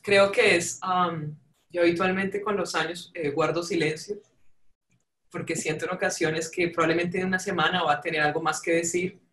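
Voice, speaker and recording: A woman's voice: fairly low pitch, fairly even intonation, moderate pace, a bit bright. A woman who is a writer leads a thoughtful literary conversation as interviewer, in a roomy recording. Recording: roomy, echoing sound.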